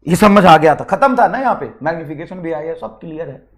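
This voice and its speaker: High-pitched man scolding a physics class. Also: animated, brisk. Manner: angry, sarcastic, blunt scolding with sudden loud bursts. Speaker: physics teacher. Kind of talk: scolding a class while teaching.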